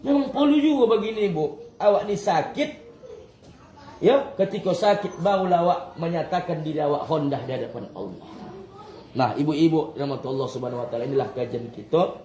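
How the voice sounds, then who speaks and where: A man's voice: a little high, expressive, brisk, warm tone, echoey room, poor audio. A man giving a religious study lecture to a group of women, joking, chuckling and often correcting himself mid-sentence. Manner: jokey, chuckling storyteller. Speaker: religious teacher.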